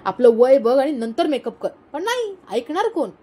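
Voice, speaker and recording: A woman voicing a sarcastic middle-aged husband who teases and taunts his wife, in a soft, mellow tone. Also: high-pitched, very animated, normal speed. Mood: taunting. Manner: mocking, taunting.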